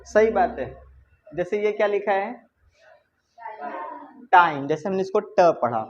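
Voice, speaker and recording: A man's voice: high voice, lively intonation, unhurried. A male teacher giving a classroom-style pronunciation lesson, constantly quizzing his students and checking that they understand. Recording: dull lo-fi recording with faint background noise.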